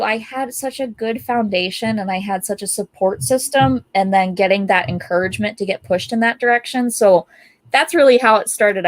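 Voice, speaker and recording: An animated young woman recounts her path into art as an interview guest. Her telling is upbeat and bubbly, with laughter breaking in. Her voice sits mid-range and sounds dry and close. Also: medium pitch, no echo. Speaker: guest artist. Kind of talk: casual interview storytelling.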